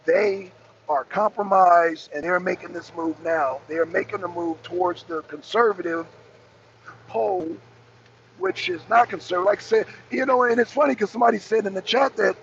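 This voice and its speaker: A show host with an American accent offers off-the-cuff political commentary, repeating key phrases to hammer them home. His voice is high, raspy, and a bit bright, thick with gravelly fry. The recording sounds dull, with noticeable noise in the background.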